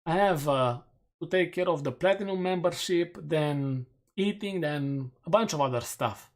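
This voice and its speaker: A man with a Romanian accent and a slightly high voice talks at a moderate pace. The streamer casually reviews community poll results, cracking self-mocking jokes.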